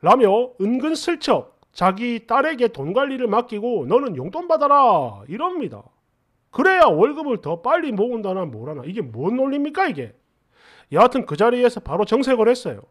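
High-voiced, lively male storyteller. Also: normal speed. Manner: conversational, exasperated, rhetorical asides. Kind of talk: narrating a reader-submitted story in first person.

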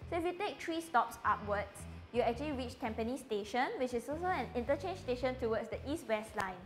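High-pitched, quick Singaporean woman presenter. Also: expressive. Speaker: property agent presenting a home tour. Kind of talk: scripted presentation to camera. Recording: light music bed behind voice.

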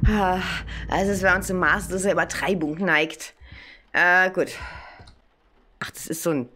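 A woman's voice: lowish voice, steady tone, measured pace, background noise. A woman with a German accent giving casual commentary on a horror game, chatting and scolding the baby in it. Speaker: let's play gamer.

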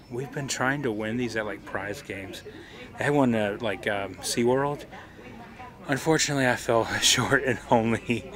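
A man talking casually while filming a walk through a gift shop, pointing things out as he goes. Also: medium pitch. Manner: chatty, points things out as he films. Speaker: vlogger.

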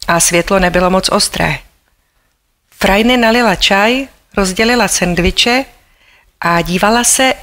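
A woman reading an audiobook aloud in a measured, even storytelling manner. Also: mid-range voice. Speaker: audiobook narrator. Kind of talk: scripted audiobook narration.

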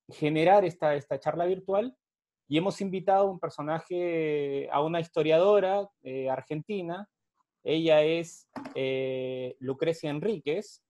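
A young Peruvian man, a historian, hosts a virtual history panel over a video call from his home study, using an earphone mic. His voice is fairly high and warm, a little slow, and full of fillers and restarts.

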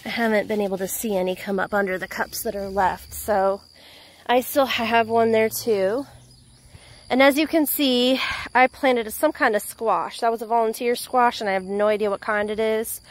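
A woman's voice: mid-range voice, normal speed. A young woman with a Texan accent, chatting casually as she films a walk through her backyard garden on a handheld phone. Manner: chatty, easily excited, trails off mid-sentence. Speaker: home gardener giving a garden tour. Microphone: handheld phone camera, filming while walking.

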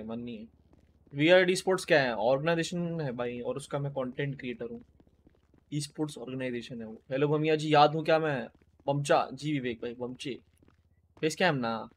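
A man streaming a game, chatting casually with his viewers and greeting them by name, speaking quietly and low-key. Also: moderate pace. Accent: Hindi.

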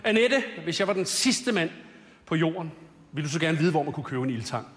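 A man's voice: a little high, animated. A man hosting a comedy roast on stage, firing off mocking jokes and introducing speakers. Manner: mocking, punchline delivery. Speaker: roast host. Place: TV studio stage with audience. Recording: long hall reverb, loud audience.

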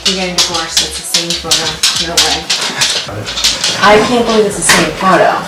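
A woman's voice: on the low side, normal speed. A woman in her thirties casually chatting and joking in a home vlog. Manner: joking, playful. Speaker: vlogger. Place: hallway at home, indoors. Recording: echoey room, voice a bit far from the mic, loud music behind.

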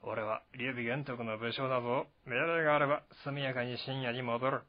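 A man voicing a boisterous, blunt male warrior general, talking loud and gruff. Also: mid-range voice, fairly even intonation, moderate pace, muffled recording, lightly acted.

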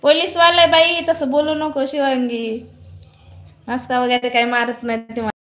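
A woman chats casually into her phone during a live stream. Her voice sits high, and she keeps things playful, laughing easily as she reads out viewers' comments. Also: level tone, moderate pace, a bit bright. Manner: laughs often, chatty and playful.

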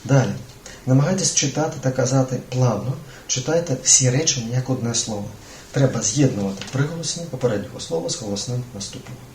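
A man's voice: mid-range voice, darkish tone. A man giving a spoken lesson on language learning. He often stops and restarts his words. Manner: halting, repeats and restarts words. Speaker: language teacher. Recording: echoey room with faint noise.

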